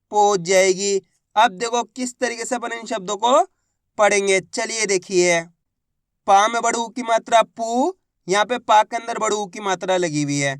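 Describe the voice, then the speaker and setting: A man's voice: very high-pitched, fairly bright tone, no room sound, clean studio sound. A man teaching a reading lesson step by step, patiently asking and answering his own questions and drilling each sound.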